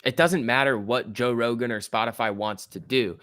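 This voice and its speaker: A man's voice: medium pitch, normal speed, fairly bright tone, dry recording, studio quality. A man giving casual live market commentary as a stock trading streamer, reading out chat in slangy, repetitive bursts. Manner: informal slangy muttering to himself, repeats words.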